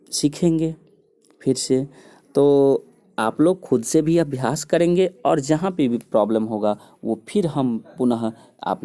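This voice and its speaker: A man teaching a grammar lesson, slowly reciting word forms for students to repeat. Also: mid-range voice, dark tone. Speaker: Sanskrit teacher.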